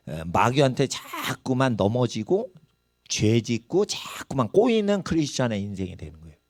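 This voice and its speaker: Animated preaching man, close dry sound. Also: mid-range voice, no echo. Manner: animated preaching, dramatizing quoted voices and regional dialects. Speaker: pastor. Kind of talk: sermon.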